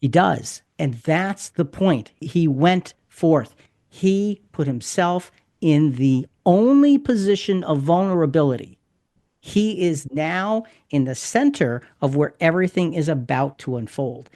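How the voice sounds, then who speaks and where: A man's voice: fairly high pitch, animated, measured pace, mellow, no echo. Man hosting a bible study podcast, stresses words hard, dead dry mic. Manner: emphatic, explanatory, repeats key points. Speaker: podcast host.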